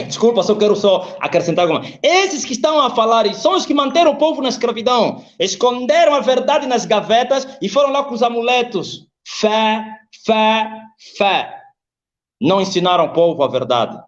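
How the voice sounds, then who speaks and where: On a live video call with lo-fi sound, a man who is an apostle and preacher delivers an emphatic sermon at a moderate pace. His expressive voice swings high and low as he quotes scripture.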